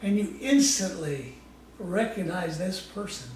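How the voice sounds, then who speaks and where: This high, expressive, somewhat dark-toned male voice moves a little slowly as he leads a live guided imagery exercise as a guest presenter. He soothes and coaxes with folksy, casual wording and frequent repeated short phrases, recorded from far off in an echoey room with faint noise.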